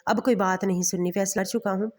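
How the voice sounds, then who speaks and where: A woman's voice: mid-range voice, steady tone, darkish tone, close to an everyday voice. A woman reading a stern young husband. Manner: hard, clipped scolding.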